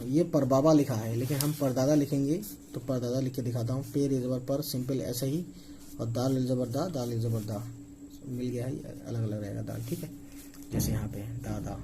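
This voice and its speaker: A man's voice: medium pitch, mellow, a little hiss or hum, low-quality recording. A man teaching how to write words in Urdu script, spelling each one out letter by letter and checking in with a frequent "okay". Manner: slow, spells letters aloud, repeats okay often. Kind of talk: casual spoken lesson.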